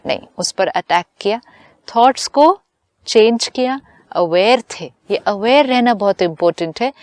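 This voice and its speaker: A woman giving a calm spiritual talk in a measured teaching manner, with English phrases mixed in. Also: mid-range voice, no echo.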